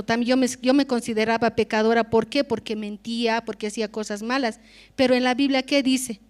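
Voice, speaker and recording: Earnest Bolivian woman giving church testimony. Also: a little high. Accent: Bolivian Spanish. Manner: earnest, frequent tag questions, conversational. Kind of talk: spontaneous spoken testimony in church.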